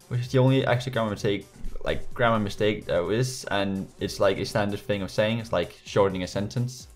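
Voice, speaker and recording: Using a USB desk mic in his small bedroom, a young adult Danish YouTuber with a slight accent reads comments aloud for a casual vlog. His voice is mid-range and a little mellow, and he peppers the reading with sarcastic, laughing asides and lots of restarts.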